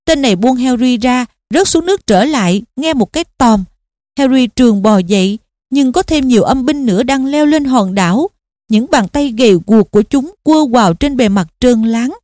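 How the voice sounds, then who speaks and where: A woman reading an audiobook aloud in a steady, expressive storytelling manner. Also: on the high side, normal speed, dry recording, clean studio sound. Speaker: audiobook narrator.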